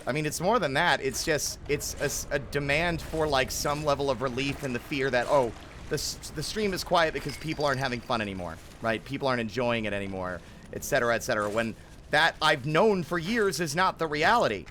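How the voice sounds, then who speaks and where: A man's voice: medium pitch, fairly quick, a bit bright, slight background noise. A man live streaming a game, chatting informally with his viewers and often interrupting himself. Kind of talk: casual live stream chat while playing.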